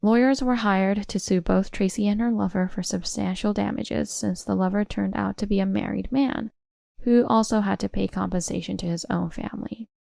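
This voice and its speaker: A woman narrates a scripted first-person story in a mid-pitched, mellow voice with a creaky edge. Her tone is steady and her pace moderate. The very dry recording has no audible room and no echo.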